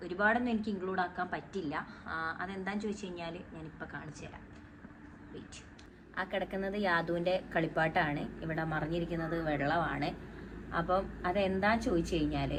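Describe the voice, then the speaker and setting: A woman chatting casually to her viewers while she cooks at home for her vlog. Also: fairly low pitch. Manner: chatty, talks straight to viewers as "guys". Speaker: home vlogger. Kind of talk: casual cooking and daily-life vlog. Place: home kitchen. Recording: echoey room, distant mic, background noise.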